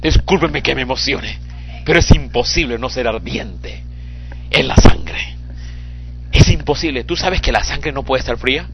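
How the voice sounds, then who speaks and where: A man preaching a fiery sermon, swinging from hushed, almost whispered lines to tearful shouts. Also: mid-range voice, moderate pace, faint music behind.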